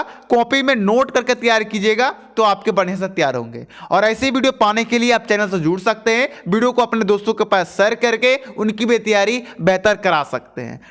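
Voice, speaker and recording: In a high-pitched, slightly bright voice, a young man chats his way through Hindi poems in an exam-prep lesson. He keeps checking in with students, addressing them as bhaiya and repeating "theek hai" again and again.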